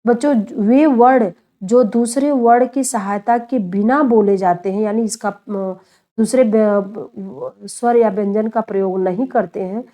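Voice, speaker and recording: A woman's voice: a little high, a little slow, mellow. A woman teaching a grammar lesson, often asking a question and then answering it herself, and often calling her listeners children. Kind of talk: online Hindi grammar lesson.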